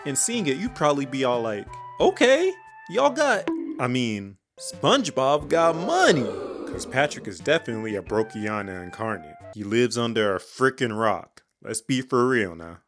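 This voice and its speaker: A man reviews cartoon episodes in a comic, slang-heavy rant. His voice swings widely in pitch as he jokes. Faint music plays under his talk. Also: animated, moderate pace, few pauses, fairly bright tone. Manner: slangy, joking, ranting. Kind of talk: comedic video commentary.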